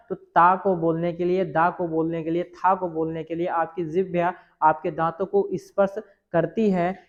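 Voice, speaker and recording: High-voiced male teacher drilling sounds. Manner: repeats sounds aloud and quizzes the listener. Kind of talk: exam-prep grammar lesson. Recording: dull lo-fi recording.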